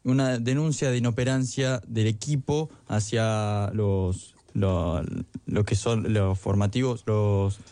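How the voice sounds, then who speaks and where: A man with a smooth, clear voice gives a sports news update in a dry studio sound. He speaks haltingly, searching for his words. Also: lowish voice, fairly even intonation, dark tone, dry recording.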